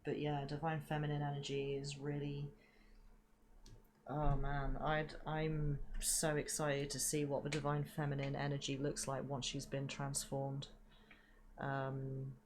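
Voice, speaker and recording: A woman giving a spiritual card reading in a slow, soft, reflective way, with frequent ums and repeated words, into a desk microphone at home. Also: rumbling low, completely flat delivery. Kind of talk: livestreamed tarot reading.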